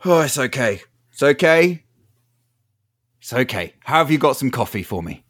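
A man's voice: medium pitch, sing-song, moderate pace, fairly bright tone, husky, dry recording, clean studio sound. A man playing a tabletop game, groaning and grumbling in character as a hungover rogue. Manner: groggy, hungover, swearing and grumbling. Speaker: player. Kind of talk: tabletop role-play in character.

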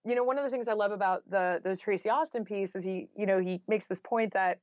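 Interviewed about her nonfiction work, a woman speaks at a quick pace in a medium-pitched, darkish voice with no echo. She comes across as casual and thoughtful, her chat full of fillers such as "you know," and the audio is dry and a bit dull.

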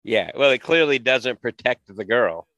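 A man's voice: mid-range voice, expressive, moderate pace, a bit bright, no room sound, dull audio. A man co-hosting a podcast, chiming in with agreement and personal anecdotes in casual movie chat. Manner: agreeable, chimes in, tells anecdotes. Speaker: podcast co-host.

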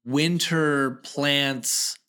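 A man's voice: medium pitch, fairly even intonation, drawn-out words, pushed and bright. A man co-hosting a gaming podcast in casual, upbeat chat. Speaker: podcast co-host.

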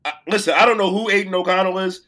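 Male podcast co-host with a sick, cracking voice; bright, high-ish tone, loud when excited. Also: racing. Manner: playful, boastful, gets loud when excited. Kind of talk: casual sports chat.

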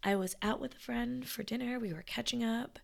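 A woman podcast host has partly lost her voice and speaks in a hoarse, raspy, somewhat high half-whisper. Her casual monologue is reflective and comes out haltingly.

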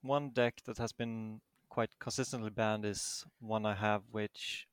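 A man's voice: lowish voice, steady tone, a little slow, clear, resonant tone, no room sound, clean studio sound. A man with a Danish accent answering interview questions casually, in a modest, hesitant manner. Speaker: interviewed tournament champion.

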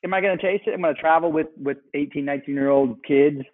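A man in his thirties, a podcast guest, telling stories in a casual chat with animated asides. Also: fairly high pitch, fast. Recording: muffled phone-like line.

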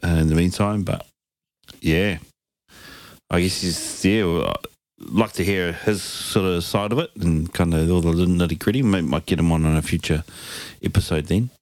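A man's voice: low-pitched, normal speed, a little mellow, no room sound. A man hosting a casual chat podcast in a laid-back, slangy way. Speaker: podcast host.

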